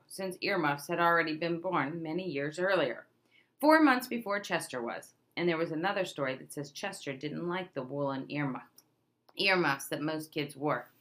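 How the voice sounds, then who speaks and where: A woman reads a children's picture book aloud in a low voice that sounds pushed and bright. She reads expressively and stresses key words the way a storyteller does for young listeners.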